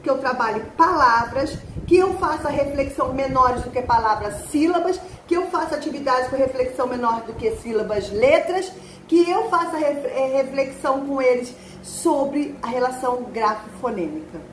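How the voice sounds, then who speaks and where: A woman's voice: sits high, animated, normal speed, reverberant, a little hiss or hum, poor audio. A woman who trains literacy teachers, speaking earnestly in an online teaching video and stretching out syllables when she demonstrates them.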